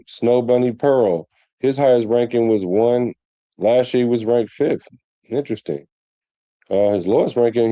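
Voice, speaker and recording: A man's voice: medium pitch, mellow, dry recording, muffled recording. A man hosting a sports show, talking casually to his viewers in a rambling way full of restarts. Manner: rambling, conversational, with many restarts and fillers.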